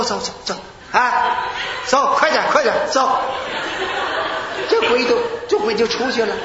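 An older male preacher tells stories from the pulpit in a high voice that leaps across his range. He acts out shouted prayers and laughs along with his own stories. The recording carries long hall reverb, a muffled lo-fi tone and a faint hiss. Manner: animated storytelling, acting out shouts and prayers, laughing. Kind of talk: sermon with personal stories. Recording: echoey hall, dull lo-fi sound, faint hiss.

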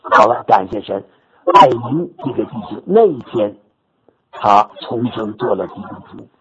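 An older man preacher telling a story in his sermon, animated and repetitive, rising to sudden high exclamations. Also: unhurried. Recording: dull lo-fi recording with audience noise.

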